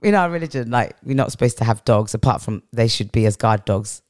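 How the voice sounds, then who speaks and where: Rumbling low and expressive, with a darkish tone, a middle-aged British woman speaks a little fast as she tells personal stories on a podcast. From England and strong-voiced, she repeats phrases for weight in this reflective interview. The audio is dry and studio-clean.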